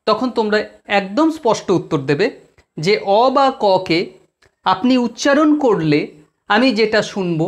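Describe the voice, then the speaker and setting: Here is a teacher with a mid-range voice and a West Bengal accent, going through Bengali grammar for exam preparation. The delivery is deliberate, key terms get repeated, and the students are addressed directly.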